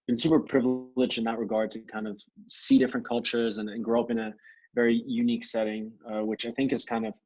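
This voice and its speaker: Relaxed man on a dull video call. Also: lowish voice. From Thailand. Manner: relaxed, rambling with many fillers and restarts. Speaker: podcast guest. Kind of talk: casual conversation. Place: grandmother's home.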